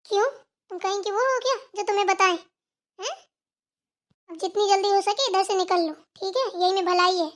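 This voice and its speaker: A woman voicing a rich, arrogant young daughter-in-law in a cartoon, talking in a sharp, mocking way. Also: extremely high pitch, normal speed, pauses often. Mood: haughty. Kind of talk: cartoon voice acting.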